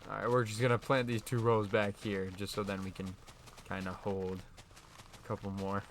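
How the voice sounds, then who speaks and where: A young man with a fairly low voice talks his way through a game session in a loose, meandering way, stopping to restart sentences and chuckle at himself. A faint hum sits under the recording. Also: flat delivery, normal speed. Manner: rambling, self-correcting, laughs at himself. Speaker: gaming YouTuber. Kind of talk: casual gameplay commentary.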